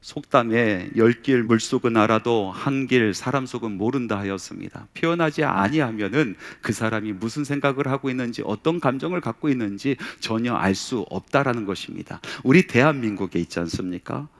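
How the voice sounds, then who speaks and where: Middle-aged male preacher, storytelling sermon delivery that swells loud and high on key points. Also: fairly quick, hardly any pauses. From South Korea, Chungcheong region. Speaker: pastor. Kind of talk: Sunday sermon.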